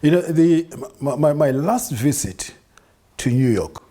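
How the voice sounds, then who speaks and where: A man's voice: a little high, lively intonation, unhurried, dark tone. A man hosting a studio interview, chatty and anecdotal, laughing easily. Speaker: interview host.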